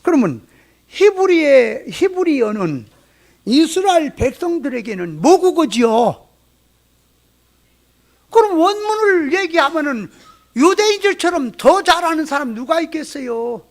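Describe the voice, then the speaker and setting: Korean pastor w/ jeolla accent, really high voice, bouncy, keeps quizzing the congregation. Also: male voice, unhurried. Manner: asks the congregation rhetorical questions, folksy and lively. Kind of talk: sermon. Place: church sanctuary.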